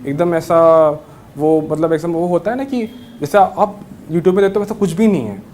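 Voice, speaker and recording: Young male interview guest, slightly high voice, reassuring and casual, faint noise behind. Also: moderate pace, a little mellow. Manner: friendly, reassuring, mixes English words into Hindi. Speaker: interview guest, newly selected civil judge.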